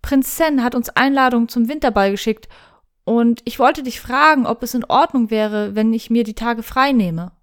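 A woman voicing a kind, determined young woman apothecary with a gentle, polite way of talking. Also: a little high, normal speed, natural voice. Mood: nervous.

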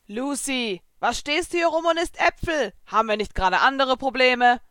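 A brash young male fighter talks bluntly and impulsively, as a woman reader puts him on. The storybook voice sits a little high and is recorded close and dry. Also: normal speed, fairly bright tone, dry recording, lightly acted. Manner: blunt and puzzled. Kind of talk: audiobook fan fiction reading.

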